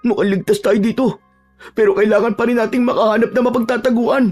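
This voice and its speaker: Guy putting on a bossy bragging young tribesman, way up high in pitch, faint music behind. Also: steady tone, fast, a little mellow. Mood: urgent. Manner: bossy and scornful.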